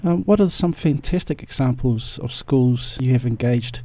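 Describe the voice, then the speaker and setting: Mellow-voiced man interviewing on a podcast. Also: medium pitch, moderate pace.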